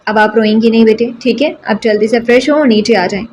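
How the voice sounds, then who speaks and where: Woman narrator voices a gentle, doting middle-aged father in a storybook reading, soft and consoling. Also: fairly high pitch, a little hiss or hum, natural voice. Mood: tender.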